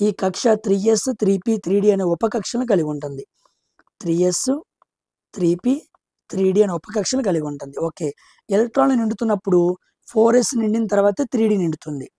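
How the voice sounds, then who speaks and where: A woman teaching chemistry. She asks her own questions, answers them herself, counts aloud and slowly repeats key terms. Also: medium pitch, animated, warm tone, dry recording, studio quality. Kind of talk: explaining chemistry, drawing on a board.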